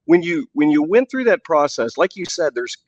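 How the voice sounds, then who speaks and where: A man's voice: on the high side, big pitch swings, normal speed, dry recording, lo-fi sound. A man hosting an interview, joking around and asking long, winding questions. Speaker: podcast host. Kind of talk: conversational interview.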